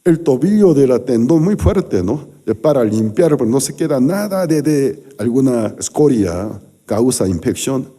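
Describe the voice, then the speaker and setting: A man's voice: mid-range voice, very animated, measured pace, few pauses, mellow. A male pastor delivering a sermon, telling stories animatedly with acted-out quotes and sound effects.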